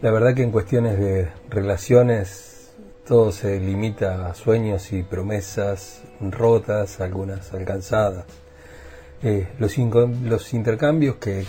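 A man hosting a reflective radio monologue, thoughtful and halting, often repeating words as he searches for them. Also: on the low side, dark tone.

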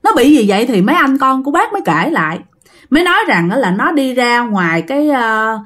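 A woman's voice: on the high side, big pitch swings, brisk, a bit bright. A woman with a Southern Vietnamese accent telling a ghost story in a chatty way, addressing her listeners directly.

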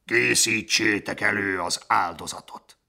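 A man voicing a pompous wildebeest herd leader in a storybook reading, proclaiming slowly. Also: lowish voice, big pitch swings, vocal fry, bright, forceful tone, exaggerated voice.

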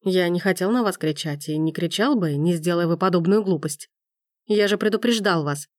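A woman's voice: lowish voice, moderate pace, a little mellow, no room sound, studio quality, close to an everyday voice. A woman voicing a stern, scolding man. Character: gruff commanding man, rescuer in a storm. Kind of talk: audiobook reading.

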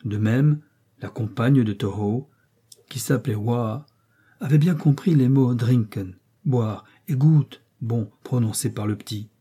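A man narrating an adventure novel in a measured, expressive reading. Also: mid-range voice, breathy edge. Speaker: audiobook narrator.

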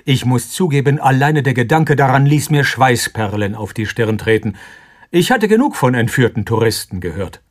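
A man's voice: medium pitch, animated, normal speed, close to an everyday voice. A male actor playing a nervous Swiss businessman telling his frightening story in first person, in a radio reading. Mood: tense.

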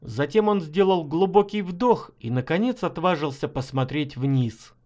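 A man narrating his own short story as an audiobook in a measured, expressive way. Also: on the high side. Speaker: author reading his stories.

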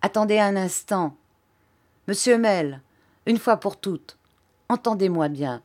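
Woman reading a haughty, sneering schoolboy, slow and measured. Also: mid-range voice, animated, a little mellow. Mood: contemptuous. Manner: cold, disdainful. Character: arrogant, cold adolescent schoolboy.

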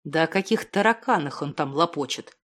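A blunt, grumbling man with a skeptical edge, pitched low, as a woman narrator puts him on. He presses his points plainly in an audiobook reading. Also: animated, fairly quick.

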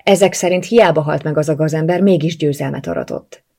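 A woman's voice: low-pitched, creaky, mellow. A woman voicing a caring outspoken friend. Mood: sharp.

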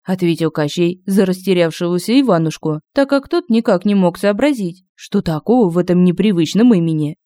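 A woman reading a humorous fantasy audiobook in an even, measured way. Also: lowish voice, dry recording. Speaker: audiobook narrator.

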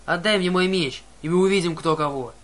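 A man voicing a brash, defiant teenage girl warrior who shouts her lines. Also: on the high side, unhurried.

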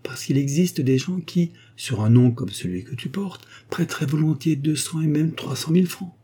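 A scheming young actress, as a male reader puts her on, coaxing and caressing in a storybook reading. The voice sits higher than his own yet stays mellow and a little husky. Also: animated, normal speed.

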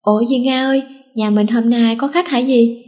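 A woman's voice: on the high side, steady tone, moderate pace, dark tone, close to an everyday voice. A woman voicing a cheeky, insolent schoolgirl who talks back with teasing, offhand remarks. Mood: nervous.

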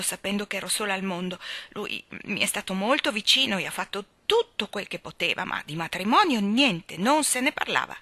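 A woman's voice: mid-range voice, bright, forceful tone, no room sound. A woman reading aloud and voicing a distressed forty-year-old unmarried woman who pours out her grievances in sobbing, indignant bursts. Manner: sobbing, indignant, pleading outbursts. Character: tearful forty-year-old spinster woman, wounded and bitter.

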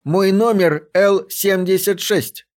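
A man's voice: high-pitched, takes it slowly, a little mellow, voice pushed up. A man voicing a meek, bewildered work robot in an audiobook, speaking in a plaintive, aggrieved way. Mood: plain. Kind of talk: audiobook reading of a science fiction story.

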